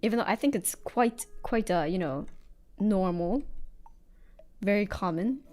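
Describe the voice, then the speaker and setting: Drawing on a livestream, an American woman streamer talks in an unhurried, lively, medium-pitched voice. She giggles a lot and chats freely, often trailing off before restarting.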